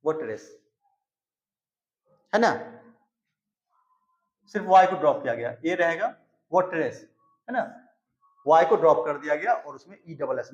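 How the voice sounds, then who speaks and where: Hindi-speaking man teaching English grammar. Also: a little high. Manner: repeats words slowly to show pronunciation. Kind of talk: explanatory lesson. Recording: echoey, slightly dull recording.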